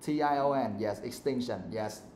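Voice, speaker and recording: A man's voice: mid-range voice, measured pace, a little mellow, faint music behind. Roomy-sounding male teacher quizzing students. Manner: quizzing students, switching between English and Vietnamese. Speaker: English teacher. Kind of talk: live classroom lesson. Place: classroom. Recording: echoey room with faint background noise.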